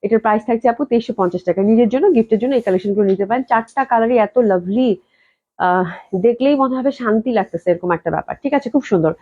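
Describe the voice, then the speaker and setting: Fast-talking woman on a live sale. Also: fairly high pitch, mellow. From Bangladesh. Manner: chatty, repeats prices, mixes in English phrases; talks slowly on purpose to hold back a cough. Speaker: clothing shop live-sale host. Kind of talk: fast live-stream sales pitch. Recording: dull lo-fi live-stream audio.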